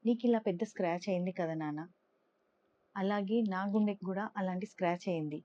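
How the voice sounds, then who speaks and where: A woman voicing a gentle, loving mother who speaks softly and reassuringly to her young son. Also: on the low side, fairly quick, natural voice. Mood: tender. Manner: soft, tender, reassuring. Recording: dull lo-fi recording.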